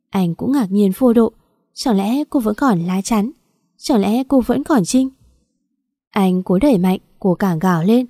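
Mellow-voiced woman reading a story. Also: medium pitch, dry recording, clean studio sound. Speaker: audiobook narrator. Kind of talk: scripted story narration.

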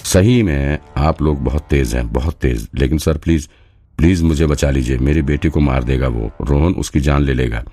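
A man's voice: extremely low pitch, normal speed, mellow. A man doing a stammering, desperate suspect. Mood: pleading. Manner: stammering, pleading. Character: nervous, desperate male suspect, a frightened father.

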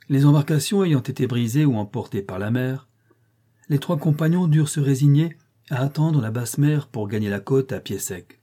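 A man reading a nineteenth-century short story aloud, with expressive, theatrical narration. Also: medium pitch, slightly rough. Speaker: audiobook reader.

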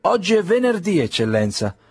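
A man's voice: sits high, sing-song, quick pace, darkish tone, voice pushed up. A man voicing a timid young clerk who answers his superior with anxious respect in an audiobook reading. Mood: deferential.

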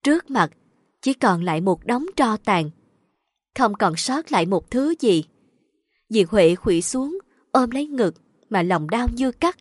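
A woman narrating a dramatic story in a steady storytelling voice. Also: on the high side, unhurried, long pauses, no room sound, clean studio sound.

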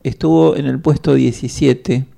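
Guy guesting on radio, slow gravelly voice, preachy repeating points. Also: mid-range voice, steady tone, mellow. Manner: deliberate, emphatic, repetitive lecturing. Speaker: guest author and researcher. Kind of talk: radio talk.

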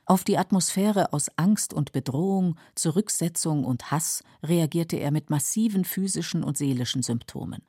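A woman narrates a radio documentary in a deep, mellow, husky voice, reading her script in a measured, sober manner. She records in a dry studio with no room sound.

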